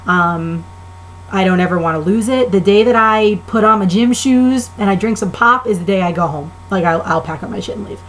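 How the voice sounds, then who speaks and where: A woman's voice: medium pitch, normal speed, a bit bright, a little hiss or hum, low-quality recording. A woman in her twenties with a Long Island New York accent, chatting casually and opinionated in a vlog, with frequent ums. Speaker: vlogger. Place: living in the Midwest.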